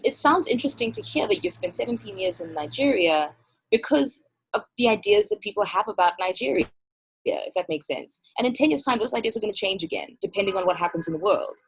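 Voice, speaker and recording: A woman from Malawi, a music festival curator, speaking as a guest in a casual interview. She talks in a thoughtful, measured way over a video call. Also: mid-range voice, slightly rough.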